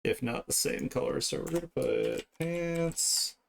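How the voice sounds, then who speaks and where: A male digital artist chats on a livestream as he draws, his voice on the high side, unhurried, and marked by vocal fry. He thinks aloud and regularly trails off partway through ideas. There's slight background noise.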